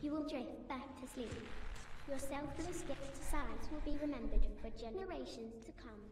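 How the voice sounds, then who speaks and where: A woman voicing a calm, clinical care robot in a video game, giving soft, even reassurance to a patient. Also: sits high, normal speed, close to an everyday voice. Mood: soothing. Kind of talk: video game character dialogue. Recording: echoey hall, distant, loud game music.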